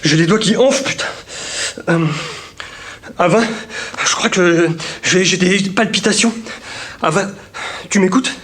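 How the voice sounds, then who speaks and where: An actor playing a distressed young man pleading haltingly with his voice assistant in an audio drama. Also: high-pitched, a bit bright. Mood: uneasy, distressed. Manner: halting, swearing, breaking off words.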